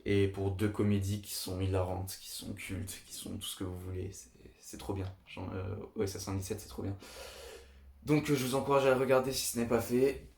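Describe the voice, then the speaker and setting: A young man with a lowish voice talks through his favourite films in a casual, eager monologue. He repeats himself often and gushes about what he likes. His voice rings in an echoey room. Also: steady tone, brisk, gravelly, darkish tone. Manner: enthusiastic, repetitive, chatty. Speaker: video host. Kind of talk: casual film review monologue.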